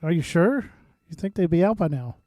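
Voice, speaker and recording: A man with a slightly mellow voice, recorded close and very dry. He talks informally in a live watch-along, often muttering to himself. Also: a little high, lively intonation, a little fast, dry recording. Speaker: livestream viewer reacting to the broadcast.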